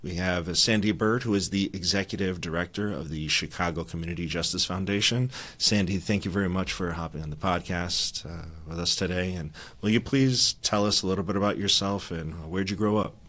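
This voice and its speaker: A man's voice: deep voice, a little fast, hardly any pauses, a bit bright. A man from Connecticut hosting an interview podcast, with friendly, brief encouraging backchannels. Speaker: podcast host.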